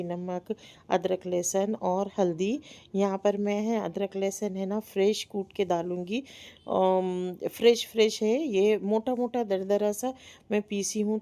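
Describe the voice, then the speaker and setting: A woman's voice: mid-range voice, mellow. A woman with a Hyderabadi accent chatting casually through a home cooking vlog, explaining each step and repeating words as she goes. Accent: Hyderabadi Hindi-Urdu. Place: home kitchen. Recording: kitchen noise behind. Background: frying and sizzling.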